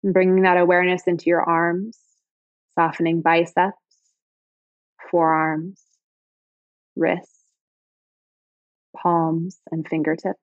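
A woman leading a guided body-scan meditation in slow, soft, soothing phrases. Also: lowish voice, flat delivery, no room sound, phone-quality sound.

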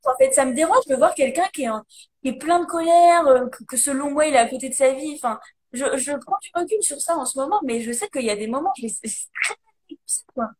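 High-voiced woman explaining eagerly. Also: quick pace. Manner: animated, explaining with many fillers. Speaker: guest, coach. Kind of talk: casual conversation, live video.

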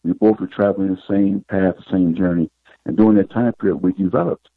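A middle-aged man with a husky, fairly low voice recounts his life as a psychic guest, unhurried and reflective. The sound is thin and tinny, like a phone line, and quite dry. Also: fairly even intonation, no echo. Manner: unhurried, reflective, retells scenes with quoted dialogue. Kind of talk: personal storytelling in an interview.

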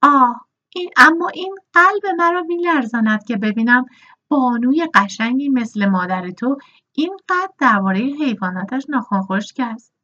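A woman's voice: sits high, expressive, sharp tone, dull audio, pitched above the performer's own voice, exaggerated voice. A woman voicing a frank, opinionated older lady horse breeder who lectures those around her. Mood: scolding.

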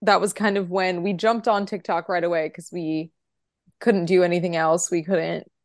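A woman's voice: fairly low pitch, level tone, moderate pace, dry recording, studio quality. A young woman in a band, chatting as a podcast guest, talkative and giggly. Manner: chatty, giggly, lots of fillers. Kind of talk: casual interview.

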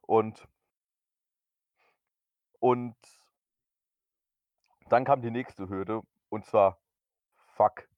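A young man in his twenties chats casually as a podcast co-host, a little hesitant and full of fillers. His voice sits low, and the recording is dry and somewhat dull, as from a home setup. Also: fairly even intonation, very slow, long pauses, no echo. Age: 20s. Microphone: new podcast microphone.

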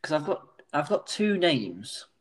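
A man's voice: fairly high pitch, sing-song, a little slow. A man playing a casual football guessing game, thinking aloud and making hesitant guesses. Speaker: quiz contestant. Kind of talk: casual football quiz chat.

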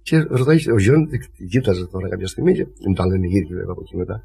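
Man from crete, lowish voice, rambling anecdotes, casual interview chat. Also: expressive, gravelly, dark tone, husky. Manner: rambling anecdotal storytelling with laughs. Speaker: lyra player, guest.

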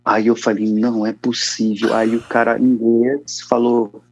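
A man's voice: mid-range voice, flat delivery, unhurried. A man in his fifties with a São Paulo Brazilian accent, giving a casual, slangy personal testimony as an interview guest. He coughs often as he talks. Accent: Brazilian Portuguese, São Paulo area. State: coughing repeatedly. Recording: dull, lo-fi, dry sound.

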